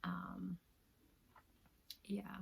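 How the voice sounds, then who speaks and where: A woman casually reviewing manga, talking softly in a half-whisper with frequent giggles and plenty of fillers and restarts. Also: fairly low pitch, very animated, extremely slow, vocal fry, a little hiss or hum, rough recording.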